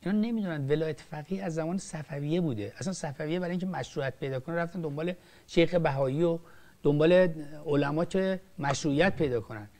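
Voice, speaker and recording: A man's voice: a little high, darkish tone. An older man, a film director, giving impassioned political commentary with emphatic rises and drops and frequent restarts. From Iran. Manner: emphatic, rising and falling sharply, frequent restarts.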